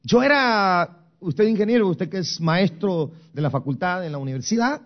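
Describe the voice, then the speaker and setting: Older man, Guatemalan accent, emotional sermon testimony, dramatic loud and soft turns, dull lo-fi recording. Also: high voice, lively intonation, normal speed. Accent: Guatemalan Spanish. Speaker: preacher giving a testimony.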